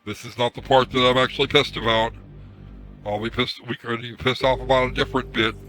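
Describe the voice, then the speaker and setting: Man through a bright voice changer. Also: medium pitch, level tone, a little fast, faint music behind. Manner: irritated, swears, repeats himself. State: hoarse from screaming. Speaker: live streamer. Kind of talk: ranting livestream commentary. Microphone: headset.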